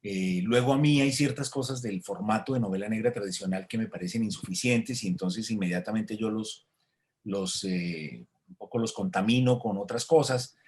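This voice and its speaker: A man's voice: on the low side, moderate pace, darkish tone. A man, an author answering interview questions in a reflective way, with hesitations and restarts, over a video call. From Colombia. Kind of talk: thoughtful conversational answer.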